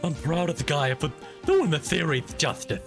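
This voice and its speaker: A man's voice: on the high side, very animated, moderate pace, faint music behind. A man giving casual video game commentary, musing aloud and swearing now and then. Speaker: let's player.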